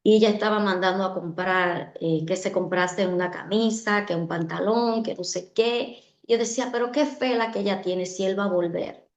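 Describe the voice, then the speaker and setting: A woman's voice: mid-range voice, moderate pace, hardly any pauses. Earnest woman in an echoey room. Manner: earnest, repeats phrases for emphasis. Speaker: guest giving a testimony. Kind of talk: emotional personal testimony. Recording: echoey, dull-sounding room.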